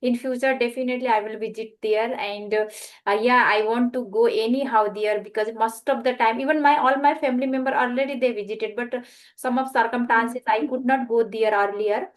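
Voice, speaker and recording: Nepali woman chatting on a video call, kinda high voice, says you know a lot. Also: steady tone, a little fast. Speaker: conversation partner. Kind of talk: conversation practice call.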